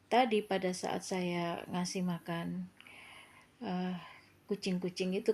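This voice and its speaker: A woman's voice: medium pitch, a little mellow. A woman telling a story in a casual, chatty way, full of filler tags, turning firm and lecturing at times. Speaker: cat feeder and shelter vlogger.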